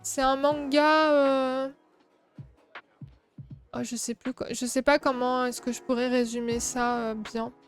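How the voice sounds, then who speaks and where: Chatty high-voiced woman streamer. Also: level tone, measured pace, long pauses, faint music behind. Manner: chatty, laughs often, answers chat aloud. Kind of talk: casual chat while crafting. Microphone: streaming microphone.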